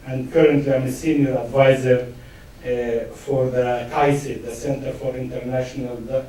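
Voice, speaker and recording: A man with a Palestinian Arabic accent delivers a university lecture, his mellow, dark voice broken by frequent ums and restarts. He is recorded from a distance in a large, very echoey room, with a faint hiss underneath. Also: medium pitch. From Israel. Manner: hesitant, many fillers and restarts. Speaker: guest lecturer. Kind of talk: academic lecture. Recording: echoey hall, mic far off.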